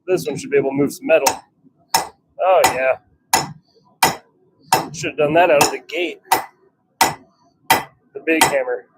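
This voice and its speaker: Working in his home forge, this livestream host and hobby blacksmith keeps up a casual, grumbling, self-deprecating chat. He speaks a little slowly with a fairly high pitch and frequent pauses, and the recording is very noisy.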